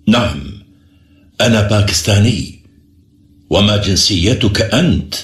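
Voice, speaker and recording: Deep-voiced man reading Arabic dialogue. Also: expressive, echoey room. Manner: slow, deliberate textbook delivery. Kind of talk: scripted dialogue recording.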